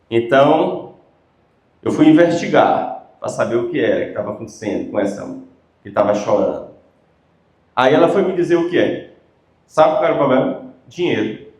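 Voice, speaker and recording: A man's voice: mid-range voice, darkish tone. A man giving a conversational lecture to teachers, often asking the audience rhetorical questions. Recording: roomy hall sound.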